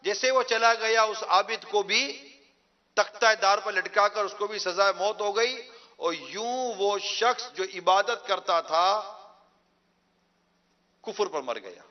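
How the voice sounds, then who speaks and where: A male preacher telling a moral story in a sermon, earnest and drawn out, with slow emphatic endings. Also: high voice, dull audio.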